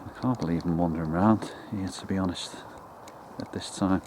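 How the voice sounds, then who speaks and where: A man's voice: low-pitched, steady tone, fairly quick, noisy background. A man with a Liverpool accent investigating the paranormal, calling out to spirits and talking uneasily to camera, outdoors in woods at night. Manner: hushed, uneasy. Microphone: handheld camera.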